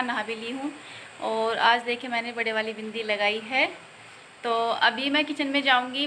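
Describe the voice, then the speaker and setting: A woman's voice: a little high, bright, forceful tone, slight background noise, low-quality recording. A woman family vlogger chatting casually and directly to her viewers at home. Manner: chatty, talks straight to viewers. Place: at home indoors.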